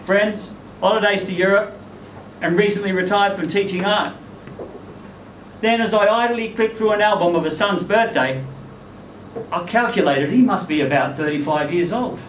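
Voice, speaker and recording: Reading in character as an ageing rock singer, a man narrates a first-person short story at a live literary event indoors, his voice sitting high at a moderate pace. Heard through a distant mic, the room echoes and carries faint noise.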